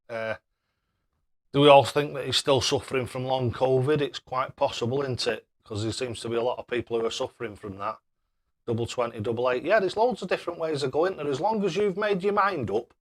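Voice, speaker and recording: A man chatting casually on a live stream as he plays darts, matey and self-deprecating. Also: mid-range voice.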